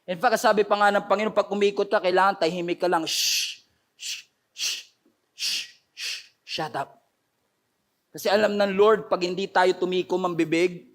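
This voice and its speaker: Man, hoarse, high-pitched, pastor, fervent sermon, mixes Tagalog and English, emphatic bursts. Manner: switches between Tagalog and English, building to emphatic outbursts; preaches to an online audience. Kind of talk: impassioned sermon.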